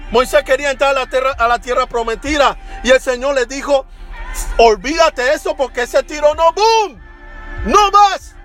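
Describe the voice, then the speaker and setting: Male preacher, very high voice, impassioned sermon, shouts and sings lines, faint music behind. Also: moderate pace. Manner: impassioned, rising to shouts and sung phrases.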